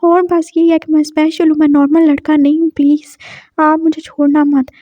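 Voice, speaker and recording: A woman voicing a timid, tearful young man who pleads softly and anxiously. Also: high-pitched, level tone, brisk, dry recording, highs cut off, natural voice. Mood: pleading.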